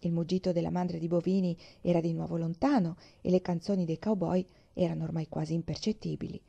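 A woman reading a children's novel aloud in a gentle, expressive way. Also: on the low side, fast talker, gravelly, highs cut off. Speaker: audiobook reader.

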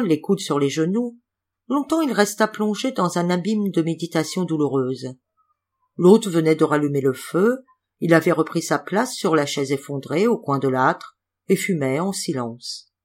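Expressive woman reading a classic tale. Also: low voice, moderate pace. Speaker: audiobook reader. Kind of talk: scripted narration of a classic tale.

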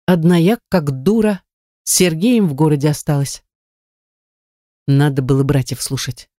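A mid-pitched audiobook narrator carrying a first-person story with a brash, crude, sardonic bite. The recording is close and dead dry, with no reverb at all. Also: moderate pace, dark tone.

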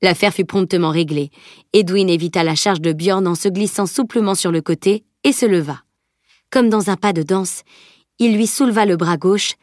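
A woman narrating a novel as an audiobook reader, telling the story in a steady voice. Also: mid-range voice, no echo, clean studio sound. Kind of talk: scripted narration.

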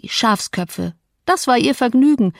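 A woman reading a classic novel aloud as an expressive, dramatic first-person narration. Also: a little high, measured pace, creaky, no room sound, studio quality. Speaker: audiobook reader. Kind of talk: literary audiobook narration.

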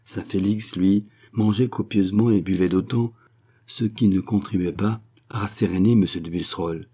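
A male audiobook reader narrating a novel at a measured, even pace. His voice sits very low and dark, with a husky grain to it.

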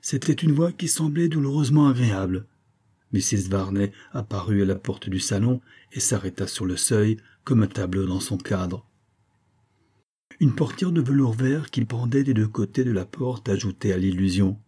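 A man reading a classic novel aloud as an audiobook narrator, in a steady, measured way. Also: on the low side, breathy edge. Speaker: audiobook reader.

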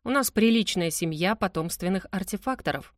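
A woman reads the part of a gruff older nobleman who snaps out short, disapproving orders. He speaks loudly and bluntly, in a storybook audiobook with a dry, close sound. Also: on the low side, lively intonation, a little fast, no room sound, lightly acted. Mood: scolding. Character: stern gruff aristocratic father, older man.

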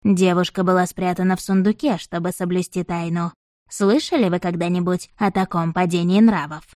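A woman reading as a smug, booming fat merchant. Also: steady tone, normal speed, a little mellow, no echo, studio quality, natural voice. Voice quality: booming bass delivery. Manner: smug, indignant. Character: fat condescending middle-aged merchant man.

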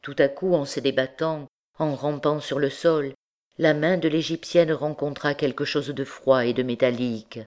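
A woman narrates a classic novel in a notably deep voice. She reads slowly and deliberately, with a calm, measured storytelling manner. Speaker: audiobook narrator. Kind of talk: scripted narration.

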